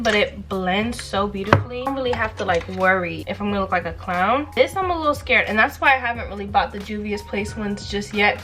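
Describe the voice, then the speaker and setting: In a laid-back get-ready-with-me video, a young beauty vlogger recovering from a cold does her makeup and talks directly to her viewers. She's chatty and playful, with a medium-pitched voice that's a bit bright.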